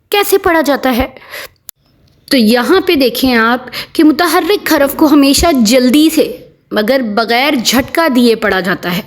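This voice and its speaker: A woman teaching Quran reading step by step, patiently repeating each example and checking in with her listeners. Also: high-pitched. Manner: patient, repeats examples slowly and often checks with "theek hai". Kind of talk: step-by-step recitation lesson.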